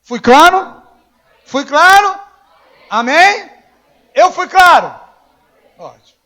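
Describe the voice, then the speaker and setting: A man preaching a sermon as pastor, telling stories in a conversational way, acting out the dialogue and now and then rising to a shout. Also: very high voice, very animated, takes it slowly. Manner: conversational storytelling, acts out dialogue, rises to shouting. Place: church. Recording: dull lo-fi church recording.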